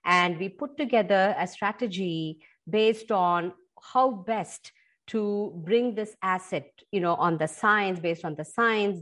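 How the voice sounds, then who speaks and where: A middle-aged woman from India with an Indian accent, explaining her work in a podcast interview in an articulate, measured way. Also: fairly low pitch. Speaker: guest, pharma executive.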